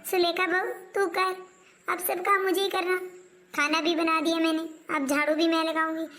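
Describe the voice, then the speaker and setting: A very high-voiced woman grumbles and nags as a worn-out elder daughter-in-law in a homemade family skit. Her pitch barely moves, so the complaining comes out flat and steady. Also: normal speed, soft background music. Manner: complaining, aggrieved, nagging. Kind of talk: scripted family skit acting.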